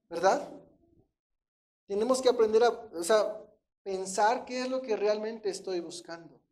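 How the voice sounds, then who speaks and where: A man's voice: high voice, darkish tone. A man preaching a sermon, questioning the congregation and answering himself in a conversational teaching tone. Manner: asks the congregation questions and answers them, often adding a checking "¿verdad?"; illustrates with everyday examples in a conversational teaching tone.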